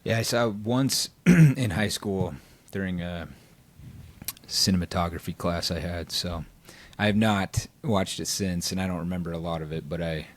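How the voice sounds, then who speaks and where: A man in his thirties with a very deep, low voice. He answers in short, hesitant bits during a casual podcast chat. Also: moderate pace. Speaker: podcast panelist.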